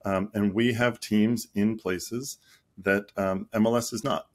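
A middle-aged man, a guest on a video call interview, speaking thoughtfully with many pauses and restarts. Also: on the low side, fairly even intonation. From United States. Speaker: league marketing chief, guest. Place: small office at home. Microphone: headset on a video call.

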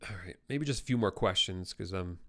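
A young man hosts a casual live Q&A from a brick-walled home studio, speaking a little fast in a slightly low voice into a close boom-arm mic. Relaxed and conversational, he reads viewer comments aloud as his voice grows tired and hoarse.

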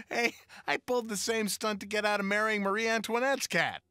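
Salem, wisecracking cat. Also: male voice, high-pitched, animated, normal speed, sharp tone, clean tone, no echo, exaggerated voice. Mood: sarcastic. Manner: sardonic, dry wisecracks.

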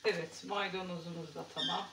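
A woman's voice: lowish voice, fairly even intonation, fairly quick, far from the mic, heavy background noise. Chatty woman cooking in an echoey kitchen. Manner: chatty, talks to viewers while cooking. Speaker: home cooking vlogger. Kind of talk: casual cooking vlog chat. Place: home kitchen.

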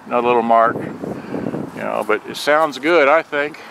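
Outdoors in a grassy open yard, a seller rambles and mutters to himself during a casual, unscripted demo of a repaired boombox he's selling. His mid-range voice is a little slow with vocal fry. He's behind a handheld camera, and loud wind and outdoor noise fill the recording.

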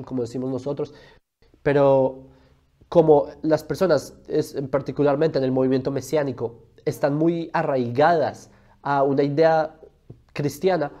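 A man from Colombia hosting his channel, calmly explaining his view with measured, halting phrasing that restarts often. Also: a little high. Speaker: channel host. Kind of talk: explanatory commentary to camera.

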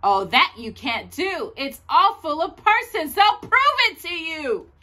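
Storybook elephant, male, gentle but urgent, played by a woman: bright, high, pleading delivery. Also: sing-song, unhurried, full character voice. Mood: shocked pleading. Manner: emphatic, exclaiming, imploring. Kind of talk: storybook character voice.

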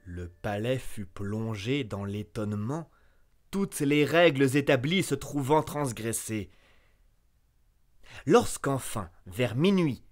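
Reading a fairy tale as a storyteller, a medium-pitched man narrates expressively, rising sharply on the important words.

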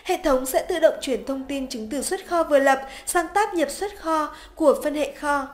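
A woman with a high, light voice reads scripted instructions for a software tutorial. Her delivery is polite, even and methodical, walking the listener through each step. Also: normal speed. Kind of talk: scripted narration. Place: voice-over over screen recording.

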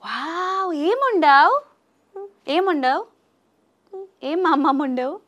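A woman with a high voice chats playfully with a small child. She coaxes answers with teasing, sing-song questions. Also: lively intonation, slow pace, a bit bright, lo-fi sound. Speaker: interviewer.

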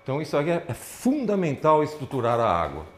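A fairly quick man whose voice sits on the high side gives an audience a lecture. Pointing animatedly at the slides, he says "ó, olha só" repeatedly, and the lecture hall sounds roomy.

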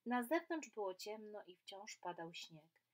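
A woman reading a children's storybook aloud in a gentle, soothing way, then talking casually about it. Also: mid-range voice, very animated, a little slow, poor audio. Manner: gentle, soothing, with filler sounds. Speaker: workshop leader. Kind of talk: storybook narration.

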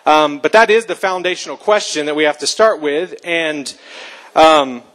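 A man's voice: a little high, moderate pace, fairly bright tone. A young adult man giving an earnest, emphatic public talk to a live audience. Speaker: speaker. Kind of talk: public speech.

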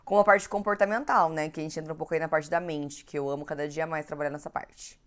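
Speaking quickly in a low-pitched voice with fairly even intonation, this young Brazilian woman has a cold. As a nutritionist on an Instagram live, she chats casually and welcomes viewers by name, recorded on a home setup.

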